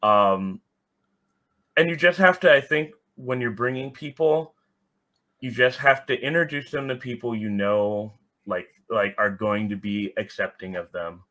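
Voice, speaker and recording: A soccer supporters group organizer appears as a podcast guest, his medium-pitched voice unhurried, pushed and bright. The conversation is casual and candid; he's blunt, swears here and there, and leans heavily on "like."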